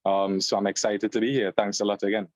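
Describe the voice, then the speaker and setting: A young man from Trinidad and Tobago with a Trinidadian accent, a guest on an interview podcast, telling his story in a relaxed way, joining over a video call. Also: fairly low pitch, fast, dry recording. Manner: relaxed storyteller, fillers, "long story short". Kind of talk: conversational interview. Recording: slightly dull, dry call audio.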